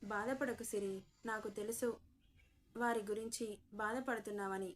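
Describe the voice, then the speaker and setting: A woman voicing a gentle consoling mother. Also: a little high, steady tone, normal speed, natural voice. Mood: soothing. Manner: soothing, consoling.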